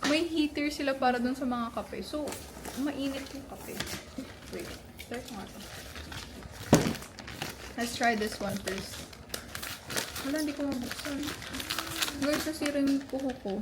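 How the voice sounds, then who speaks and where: A young woman, chatting excitably to viewers in a casual travel vlog. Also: sits high, measured pace, pauses often. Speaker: travel vlogger. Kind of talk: casual vlog chat to camera. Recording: loud background music and crowd noise.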